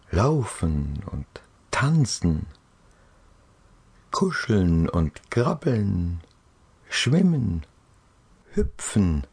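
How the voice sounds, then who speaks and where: Gentle pauses mark this soothing relaxation journey for children, narrated by a man with a deep voice. He sounds soft, dreamy, breathy, and husky.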